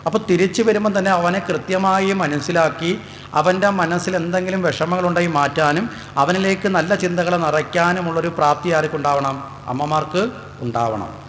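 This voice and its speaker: Man from kerala, devotional discourse, fairly high voice, long echo, faint hum. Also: normal speed, fairly bright tone. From Kerala, India. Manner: rhetorical questions to the audience. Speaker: Bhagavatam discourse speaker. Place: temple hall. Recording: echoey hall with faint hum.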